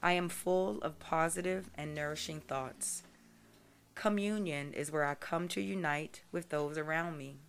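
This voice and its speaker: Soothing meditation app narrator, woman, low and slow as a woman puts it on. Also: a little hiss or hum.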